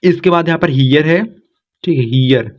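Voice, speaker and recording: A man teaching English vocabulary to learners, going word by word and repeating each one with a steady "okay". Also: fairly high pitch, normal speed. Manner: repetitive, keeps saying "thik hai". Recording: slightly dull lo-fi sound.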